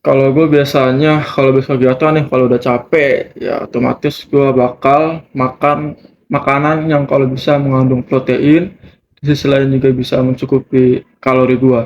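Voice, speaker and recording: Slangy and laid-back, this nineteen-year-old male student responds as an interviewee in a group discussion. He has a mid-range voice with little pitch movement and a moderate pace, heard through muffled, noisy lo-fi audio.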